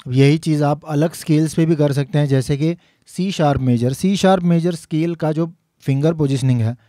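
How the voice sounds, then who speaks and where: A man teaching piano, explaining each step patiently and slowly singing the note names as he plays. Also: fairly high pitch, mellow, dry recording, studio quality. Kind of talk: instructional lesson.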